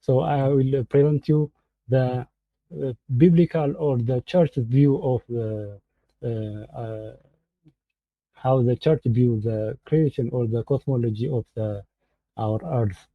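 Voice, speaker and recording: An Ethiopian guest presenter whose first language is Amharic gives an informal presentation over a remote online call, speaking halting, hesitant English with an Ethiopian accent and often searching for words. His voice is mid-range with no echo, and the audio sounds tinny and phone-like.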